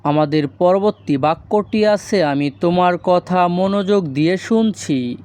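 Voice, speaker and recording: A man teaching a spoken language lesson, saying foreign phrases slowly and breaking them down word by word. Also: high voice, a little mellow, smooth, no room sound, clean studio sound. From Bangladesh.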